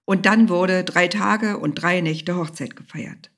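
A woman's voice: fairly low pitch, a little slow, a bit bright. A woman narrating a storybook tale expressively, sometimes dropping to a whisper.

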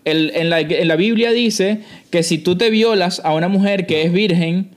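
A Venezuelan man co-hosting a podcast, making his points eagerly in a casual debate. His voice sits a bit high for a man. He likes to throw out challenges to the others. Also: moderate pace. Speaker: podcast co-host.

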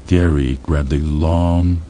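A man reading a crude comedy story aloud in a deadpan, matter-of-fact way. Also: extremely low pitch, takes it slowly, slight background noise. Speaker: audiobook narrator.

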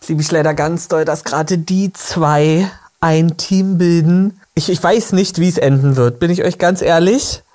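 Low-voiced woman host, excitable and chatty, doing casual reaction commentary. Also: a little slow. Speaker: podcast host.

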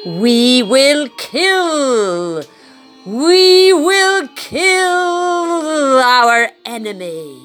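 Woman putting on a gloating wicked witch, very drawn-out. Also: high-pitched, big pitch swings, fairly bright tone, faint music behind, exaggerated voice. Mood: gloating menace. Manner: slow, drawn-out menacing chant with cackling. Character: gloating wicked witch and wizard pair plotting murder. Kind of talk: hammy children's horror storytelling.

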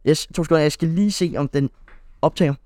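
A man's voice: on the high side, mellow, dry recording, studio quality. A young man co-hosting a podcast, telling a rambling story in casual chat, full of fillers and restarts. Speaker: podcast co-host.

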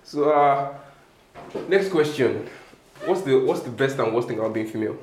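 A man hosting a casual podcast, relaxed and teasing, often repeating his words. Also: medium pitch, moderate pace, a little hiss or hum. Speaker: podcast host.

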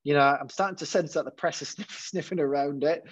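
A man's voice: fairly high pitch, brisk, slightly rough, no room sound. A man, a head teacher, speaking candidly in an interview, often restarting his sentences. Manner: hesitant, many repeated false starts. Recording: slightly dull, dry lo-fi sound.

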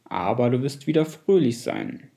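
A man voicing a wise old octopus in a storybook reading, speaking in a deep voice, solemn and slow. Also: expressive, warm tone, close to an everyday voice.

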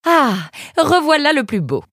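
A woman's voice: on the high side, expressive, moderate pace, darkish tone, husky, no room sound, studio quality, voice pushed up. A woman voicing an anxious, caring animal mother in a children's storybook. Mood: fussing.

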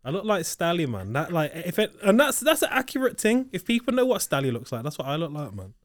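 A man's voice: on the high side, wildly swooping pitch, fast talker. A man in his twenties with an urban London roadman accent, bantering casually in street slang as a co-host. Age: 20s. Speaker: co-host of a chat show.

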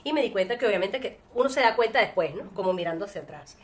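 A woman with a Venezuelan accent, a singer as interview guest, telling her story in a lively way and acting out the voices she quotes. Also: medium pitch, quick pace.

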